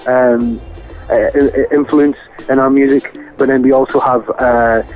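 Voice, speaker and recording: A Scottish man with a mid-pitched voice chats as a guest on a phone interview. He answers thoughtfully and haltingly, searching for his words, with faint music behind him. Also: steady tone, a little mellow, low-quality recording. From Scotland. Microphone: phone line.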